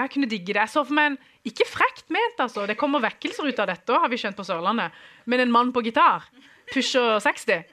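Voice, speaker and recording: Man, young adult, humorous testimony, animated, crisp bright voice. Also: very high voice. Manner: animated, acts out quoted dialogue, chuckles often. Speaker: speaker giving a testimony. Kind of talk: humorous personal storytelling to an audience.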